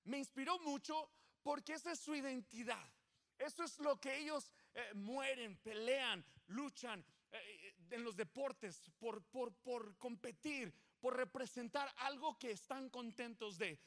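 A man, a pastor leading a lively sermon in church with call-and-response and joking asides to the congregation. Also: extremely high pitch, unhurried. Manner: animated, joking, coaxing the crowd. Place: church service before a congregation.

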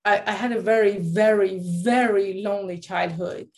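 Crowd noise is audible behind a woman speaking at medium pitch with fairly even intonation and a moderate pace. She is a late-thirties life coach from Iran, appearing as a guest and relating her own story, with plenty of restarts and fillers.

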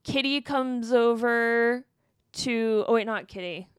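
A woman's voice: fairly high pitch, slow pace, smooth, dry recording, clean studio sound. A woman co-hosting a casual podcast, playful and teasing. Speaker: podcast co-host. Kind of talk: casual chat.

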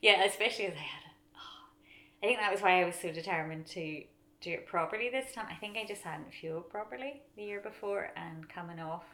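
A low-voiced woman with a north-western Irish accent from Donegal. She chats in an easy, self-deprecating way, with noticeable creak in her voice, like someone swapping stories as an interview guest. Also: a little fast, sharp tone. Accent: Donegal, north-west of Ireland. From Donegal, Ireland. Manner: chatty, self-deprecating, often laughs while talking. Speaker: interview guest, mountain runner. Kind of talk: casual chat, telling race stories.

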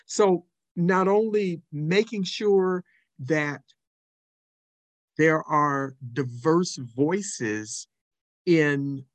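Measured man on a dry remote mic. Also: a little high, dry recording. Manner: measured, deliberate, quotes others' views. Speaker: podcast guest. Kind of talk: podcast interview answer.

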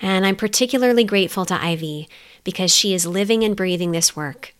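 A woman hosting a podcast, asking slow, gentle guiding questions. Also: lowish voice, no room sound. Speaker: podcast host. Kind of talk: guided meditation and interview.

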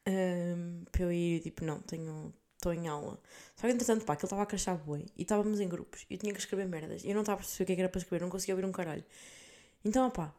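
A woman's voice: on the low side, fairly even intonation, racing, dark tone. A woman in her twenties with a European Portuguese accent, hosting a podcast and telling stories in a chatty way, swearing freely and mixing in English words. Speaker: podcast host. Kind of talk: casual monologue, storytelling.

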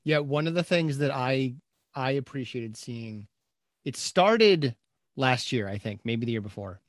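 Male podcast voice, mid pitch, dry sound, thoughtful and self-deprecating. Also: animated, measured pace, dry recording. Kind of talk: casual conversational chat.

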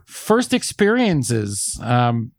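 A man's voice: mid-range voice, huge pitch swings, drawn-out words, no echo, studio quality. A man hosting a podcast in a casual, hesitant, conversational way. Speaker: podcast host.

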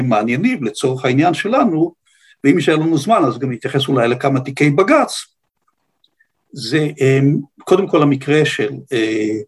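Older Israeli man, husky and deliberate. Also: medium pitch. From Israel, grew up on a kibbutz. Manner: hesitant, deliberate, halting phrasing. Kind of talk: unscripted historical account in conversation.

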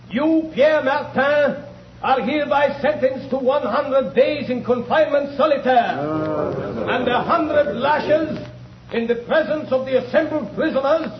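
An actor playing a stern prison official in a 1930s radio drama, declaiming in a measured way on an old recording. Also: male voice, very high-pitched, a little hiss or hum. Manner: declamatory, measured, loud proclamation. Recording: old muffled roomy recording, music behind.

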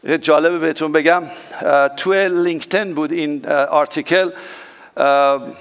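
A male pastor preaching a sermon with strong swings in loudness and pitch, repeating phrases for emphasis. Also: fairly even intonation, clear, resonant tone.

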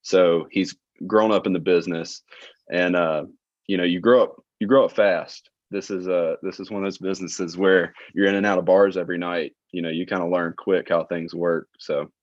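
A low-voiced man in his late twenties with a Southern Alabama accent, telling stories at an easy pace with plenty of ums and uhs. The sound is dry and a little dull, like a dead podcast room. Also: moderate pace, no room sound. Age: late 20s. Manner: relaxed storytelling with filler words and laughs. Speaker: guest, tour manager. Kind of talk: casual interview chat.

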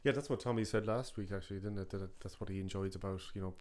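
Slightly low-voiced male interviewer. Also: fairly even intonation, rapid-fire, darkish tone. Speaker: interview host. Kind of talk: casual interviewing.

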